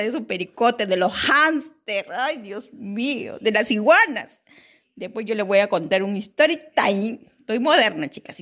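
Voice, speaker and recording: A middle-aged woman with a Peruvian accent, talking in a brightly raised voice as she vlogs from her home. She is chatty and excitable and keeps speaking straight to her followers. The sound is a casual phone recording made among her potted plants. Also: fairly high pitch. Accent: Peruvian Spanish. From Peru. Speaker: vlogger. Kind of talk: casual home vlog chat.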